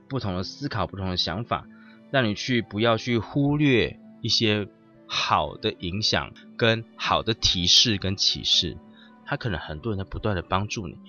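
Low-voiced man hosting a reflective podcast. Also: sharp tone. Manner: conversational, emphatic, tells a story. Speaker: podcast host. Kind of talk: storytelling monologue on dreams. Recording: muffled audio with faint music.

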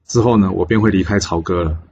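A man voicing a shrewd old male sage advisor who speaks in a measured, knowing way. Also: sits low, warm tone, husky, lo-fi sound. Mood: calm.

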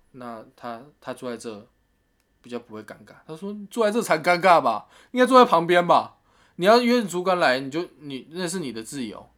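A man, telling a story in a casual chat and acting out what people said. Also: mid-range voice. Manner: animated retelling with quoted voices and laughs.

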